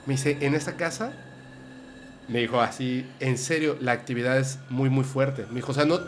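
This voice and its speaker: A man's voice: mid-range voice, moderate pace, a little hiss or hum. A man with a Mexican accent hosting a podcast, chatting casually and retelling conversations with friends. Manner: animated storyteller, quotes friends. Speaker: podcast host. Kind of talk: casual chat.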